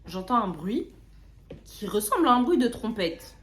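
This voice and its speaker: Young woman vlogger doing a storytime, kinda high voice, echoey room, repeats herself a lot. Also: moderate pace, heavy background noise. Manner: lively storytelling, slangy, often repeats words. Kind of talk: casual storytime narration. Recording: roomy echo.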